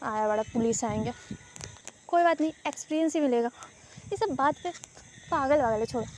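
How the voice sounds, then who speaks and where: A woman's voice: high-pitched, animated, fairly quick, darkish tone, a little hiss or hum. A young woman telling a sarcastic, ranting storytime vlog, dropping English words in. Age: young adult. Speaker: vlogger.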